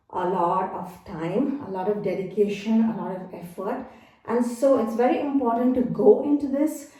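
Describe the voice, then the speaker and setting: A woman's voice: fairly high pitch, a little mellow. A woman teaching a yoga class, giving patient step-by-step cues with fillers, slightly out of breath. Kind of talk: guided exercise instruction. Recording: very echoey, distant.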